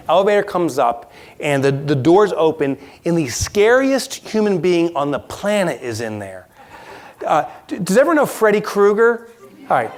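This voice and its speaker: A man giving a keynote talk, telling a story in an animated, self-mocking way and acting it out. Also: on the high side. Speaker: keynote speaker. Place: large conference hall.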